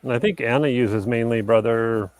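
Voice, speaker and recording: A man's voice: medium pitch, moderate pace, darkish tone, no echo. A man hosts a casual live shopping session in a mid-range voice. The sound is close and dry, with informal remarks as he shows items. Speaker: shop host assisting with a live sale.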